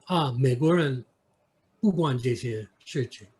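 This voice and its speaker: A man from New York, United States, with an American accent appears as an interview guest, telling stories in a casual, halting way and sometimes switching between English and Mandarin. His voice is mid-range with a darkish tone. Background noise is clearly audible in the recording.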